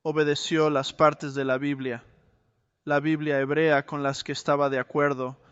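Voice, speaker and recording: A man's voice: fairly high pitch, level tone, moderate pace, fairly bright tone, clear, resonant tone, dry recording, muffled recording. A man preaching a sermon, explaining Bible passages and reading verses aloud.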